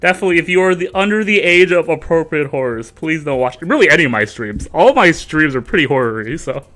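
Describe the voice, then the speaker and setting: A young man streaming a horror game as host, rambling and joking, his talk dropping to mumbles between louder bursts, into a desk mic at home. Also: a little high, animated, fast. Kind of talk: casual gameplay commentary. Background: faint game music.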